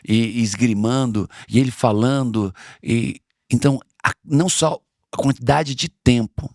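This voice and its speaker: A middle-aged man from Brazil talks in an interview with a gravelly edge to his voice. He is earnest and circles back on his key phrases to drive them home. The recording is dry and close. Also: mid-range voice, unhurried, a little mellow, no room sound. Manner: earnest, repeats phrases for emphasis. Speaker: interview guest. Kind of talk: conversational interview.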